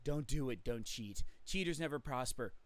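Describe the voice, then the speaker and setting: A man's voice: mid-range voice, expressive, moderate pace, no room sound. A man giving casual swim coaching instructions, chatty and direct, counting out kicks aloud as he explains drills.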